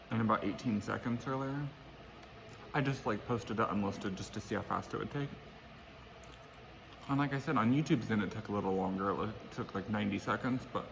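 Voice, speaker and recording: A man rambling casually to his viewers as he eats fried chicken in a mukbang, recorded outdoors. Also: fairly low pitch. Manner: eating fried chicken while talking. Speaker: vlogger hosting an eating show. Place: outdoors by a pool. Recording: clearly noisy outdoor ambience.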